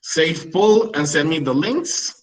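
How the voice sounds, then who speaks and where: Teaching a webinar for English teachers over video, a Peruvian man in his thirties whose first language is Spanish speaks slowly in a fairly high, animated voice. His style is explanatory, and he often pauses to ask "right?"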